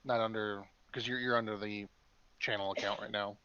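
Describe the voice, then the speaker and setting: Chatty podcast dude, bright voice, kinda muffled lo-fi sound. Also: male voice, fairly low pitch, flat delivery, a little fast, smooth, dry recording. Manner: rambling, joking. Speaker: podcast co-host. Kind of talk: casual chat.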